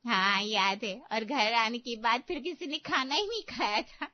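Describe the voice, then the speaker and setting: A woman's voice: on the high side, expressive, close to an everyday voice. Woman playing a chatty neighbour auntie. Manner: chatty, reminiscing. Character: chatty middle-aged female neighbour friend. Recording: dull, dry lo-fi.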